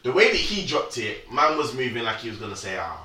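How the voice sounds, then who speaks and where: A young man with a London roadman accent banters casually in street slang. His pitch swings widely as he repeats phrases for emphasis. He is in an echoey room with other voices around. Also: very animated, fast, bright, forceful tone, recorded from a distance. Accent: London roadman, multicultural street slang.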